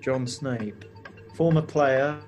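A man's voice: mid-range voice, slow pace, music in the background. Chatty man. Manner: chatty, self-deprecating, hedges with "I think". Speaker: podcast guest, football club insider. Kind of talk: casual chat.

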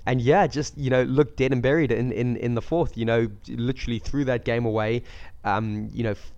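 A man croaky from a cold, chatting casually about sport as a podcast co-host. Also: mid-range voice, steady tone, normal speed, a little mellow. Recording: dull lo-fi audio.

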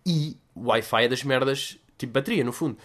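Man, young adult, European Portuguese accent, slangy, animated, casual storytelling, mid-pitched voice. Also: brisk. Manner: slangy and animated, gets louder when excited. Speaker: podcast host.

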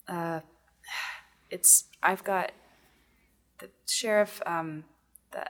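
Lady doing a dazed tired noble lady, slow, trails off, kinda low voice. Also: fairly bright tone. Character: dazed young noblewoman, mentally exhausted.

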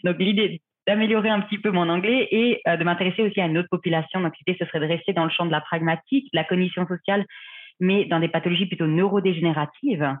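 Heard through phone-like audio on a remote call, this Swiss researcher and clinician in her thirties talks fast in a lowish, fairly even voice. She answers podcast questions in a careful, explanatory way, using lots of fillers.

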